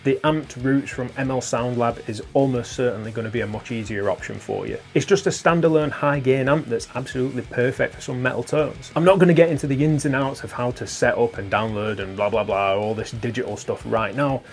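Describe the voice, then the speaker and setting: A young British man hosts a guitar channel, chatting casually to camera about gear. His medium-pitched voice moves briskly with few pauses, and he swears and laughs at his own jokes.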